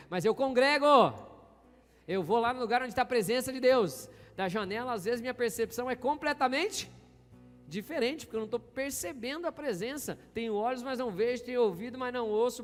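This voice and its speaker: A man pastor preaching a sermon, asking the congregation questions in call-and-response style. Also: high-pitched. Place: church hall. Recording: long hall reverb.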